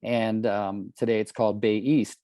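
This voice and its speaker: A man's voice: fairly low pitch, little pitch movement, moderate pace, warm tone, no room sound. Man, 60s, from California, earnest motivational trainer, emphatic, rhetorical questions, dry close sound. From California, United States. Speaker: real estate trainer.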